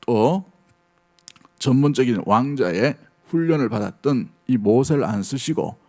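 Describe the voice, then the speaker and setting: A man's voice: medium pitch, animated, a little slow, warm tone. A middle-aged male pastor preaching a sermon, speaking earnestly and conversationally and often asking the congregation questions.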